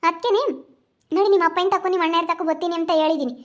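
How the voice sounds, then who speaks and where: A woman playing a sharp-tongued village mother with a rural Chitradurga Kannada accent, scolding in a rapid, shrill way. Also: steady tone. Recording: muffled lo-fi recording.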